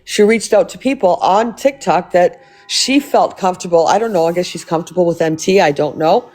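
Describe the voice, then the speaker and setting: A woman's voice: fairly low pitch, brisk, darkish tone. A woman hosting a livestream, ranting angrily and with lots of swearing, often repeating and restarting her words. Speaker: livestream host. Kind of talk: angry live-stream rant.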